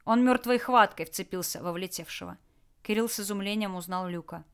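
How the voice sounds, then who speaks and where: A woman's voice: medium pitch, brisk, clean tone. Woman narrating an audiobook dramatically. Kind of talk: expressive scripted narration.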